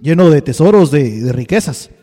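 A man, a radio host who sternly scolds and cuts in quickly. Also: a little high, animated, warm tone, soft background music. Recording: reverberant studio.

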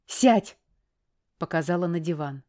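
A young adult woman reading a first-person audiobook, lively, sharply raising her voice in the dialogue. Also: fairly low pitch, moderate pace. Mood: pleading. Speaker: audiobook narrator.

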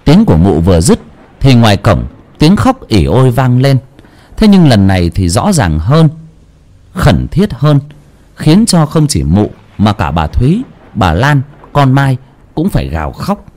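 A man narrating a horror story in a slow, brooding, expressive way. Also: medium pitch.

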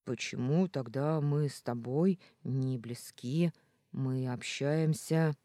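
A woman voices a cold, contemptuous young man in a story read aloud. His harsh, scornful lines stay low and dark, and the recording is dry. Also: slow, no echo. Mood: dismissive. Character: contemptuous young male boyfriend, cold and cruel. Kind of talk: audiobook character reading.

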